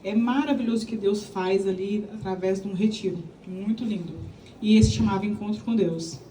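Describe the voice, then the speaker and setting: A woman from Minas Gerais, Brazil, with a Minas Gerais accent, telling her personal testimony to a live audience in an animated, chatty way and acting out the dialogue. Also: medium pitch, normal speed, roomy sound, recorded from a distance, slight background noise, poor audio. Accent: Minas Gerais Brazilian Portuguese. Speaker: speaker giving a church testimony.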